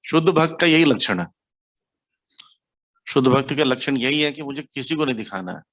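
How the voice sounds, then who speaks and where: A man from India giving a devotional class, telling stories animatedly and mixing English words into his speech. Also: normal speed. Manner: animated storytelling, acts out quotes with sharp pitch jumps. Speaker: preacher.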